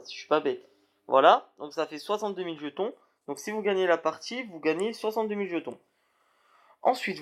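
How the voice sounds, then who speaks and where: A young man explaining a game in a screen-recorded walkthrough, with many fillers and restarts. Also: high voice. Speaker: gaming video creator.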